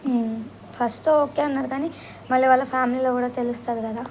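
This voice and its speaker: A woman with a Telangana Telugu accent, calmly and firmly explaining a decision in a casual vlog. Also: sits high, quick pace, slight background noise, rough recording. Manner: calm, firm, explaining. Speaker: vlog team member.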